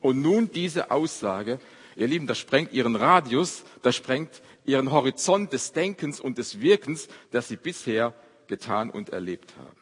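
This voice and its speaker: Guy giving a sermon, a bit husky, leans hard on single words then goes soft, long echo like a big church. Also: medium pitch, sing-song, measured pace. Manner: emphatic, stresses words in turn, often drops to a quiet close. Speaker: preacher. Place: church service. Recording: long hall reverb.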